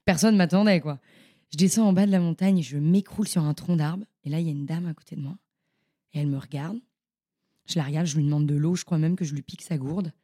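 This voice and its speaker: A young woman, a podcast guest, telling her stories in a casual, animated and slangy way. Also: sits low, fast talker. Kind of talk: casual storytelling interview.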